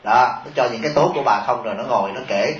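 A man's voice: medium pitch, quick pace, a little hiss or hum. A man, a Buddhist monk giving a humorous sermon, often chuckling and asking his listeners rhetorical questions. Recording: echoey, dull taped sermon recording.

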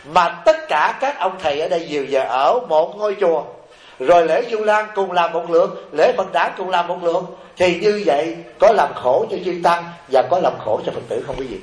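A Buddhist monk gives an animated dharma talk in a high voice, constantly turning questions back to the congregation. The sound carries through an echoey room. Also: male voice, moderate pace. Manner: animated, keeps asking the audience questions. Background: audience laughter.

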